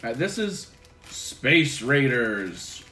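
A man's voice: medium pitch, big pitch swings, takes it slowly, sharp tone, roomy sound. A man guest in a casual tasting chat, easygoing and describing flavors. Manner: easygoing, offers tasting notes.

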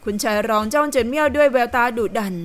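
A woman reading an audio novel aloud in steady, unhurried scripted narration. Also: high-pitched.

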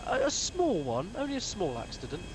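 A man trades dry, deadpan sarcasm with his friends over a racing game. His voice sits a little high and moves around a lot. Steady game noise plays behind him. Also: brisk. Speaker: player in gaming session. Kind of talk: casual gaming banter.

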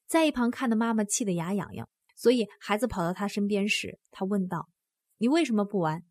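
A woman with a husky, slightly breathy voice narrates a book summary in a scripted way. She talks earnestly and turns to the listener with direct questions. The sound is dry and close, with no room around it. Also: medium pitch, a little fast, a little mellow, no echo.

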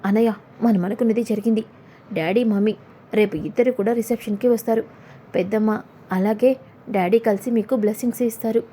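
A woman's voice: a little high, fairly even intonation, a little fast, dark tone, a little hiss or hum, lightly acted. A woman voicing an eager young sister in a retold serial, sharing good news. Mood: excited. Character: young sister, excited and pleased.

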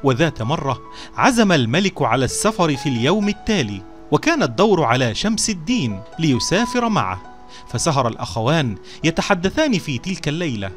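A male storyteller reading a scripted storybook tale. His recitation is measured and expressive, his pitch a touch high and lively in its rise and fall. Faint music plays under the narration.

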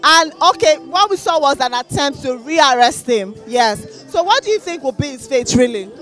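Young female street interviewer, fairly high voice, handheld mic. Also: expressive, moderate pace, fairly bright tone, faint music behind. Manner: probing, conversational questions. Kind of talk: vox pop interviewing. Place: busy city street outdoors.

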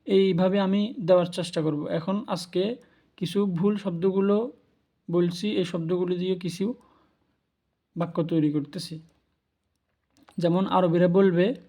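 A man's voice: high voice, mellow. A man giving a spoken language lesson, patiently repeating each word for learners. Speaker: language teacher. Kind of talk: spoken lesson on Arabic pronunciation.

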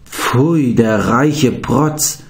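A man's voice: medium pitch, very slow, vocal fry, pitched above the performer's own voice. A man voicing a herd of snooty horses. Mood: scornful. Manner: scornful, gossiping. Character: herd of snobbish mocking horses.

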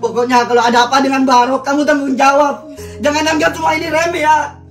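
A man's voice: high voice, pushed and bright, echoey room, far from the mic. A man playing an earnest young college student in a comedy sketch. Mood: distraught. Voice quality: earnest, quick to raise his voice. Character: young male college student Anas, protective and emotional.

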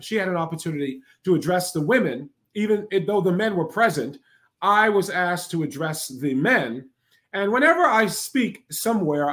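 A man with a notably high voice preaches in a broadcast sermon. His delivery is emphatic and repetitive, with steady "right?" and "all right?" checks to his listeners. He builds points through chanted lists. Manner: emphatic, repetitive cadence with frequent "right?" asides. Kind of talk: preaching to a live online audience.

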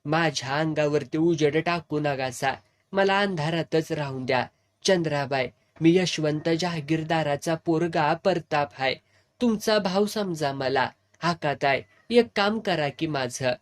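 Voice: medium pitch, measured pace, close to an everyday voice. A narrator voicing a drunk, weeping young landlord's son who pleads in a rural Satara accent. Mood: pleading, sobbing. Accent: rural Satara Marathi. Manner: pleading, self-pitying, sobbing.

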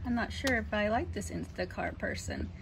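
A woman showing off her groceries in a casual home vlog, chatty and unhurried, with frequent ums. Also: mid-range voice, wildly swooping pitch, a little hiss or hum. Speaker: vlogger, mother. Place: home kitchen.

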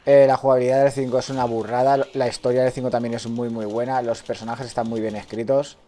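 A man's voice: mid-range voice, little pitch movement, fast, dark tone. A man from Spain with a Spanish accent, streaming a game live, swearing often and chatting with his viewers. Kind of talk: live gameplay commentary.

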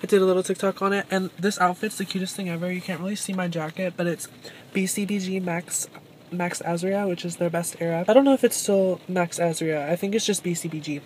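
In a noisy phone clip shot at arm's length, a young woman who vlogs about thrifting chats casually, bubbly and admiring herself, in a car and then a thrift store. She speaks a little fast in a lowish, slightly mellow voice with fairly even intonation.

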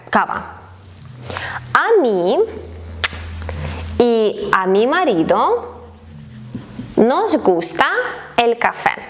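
Female teacher, mid-pitched, patient step-by-step lesson delivery, slows for examples. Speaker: language teacher. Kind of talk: online language lesson.

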